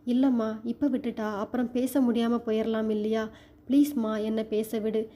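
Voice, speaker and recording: A woman's voice: on the high side, little pitch movement, normal speed, warm tone, close to an everyday voice. A woman voicing a weary aging father who speaks in a tired, pleading way.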